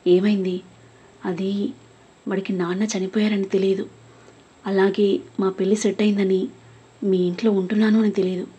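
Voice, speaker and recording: A woman voicing a caring young elder sister who speaks in a soft, restrained, sorrowful way in an audio story. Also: medium pitch, flat delivery, moderate pace, long pauses, breathy edge, dull audio. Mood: sad resolve.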